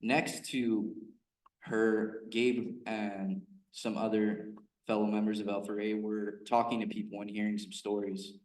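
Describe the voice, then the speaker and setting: A man's voice: on the low side, flat delivery, takes it slowly, a little mellow. A man presenting a report-back in a casual way, filling his talk with "like" and "um". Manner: casual, with many fillers like "like" and "um". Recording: roomy, distant mic.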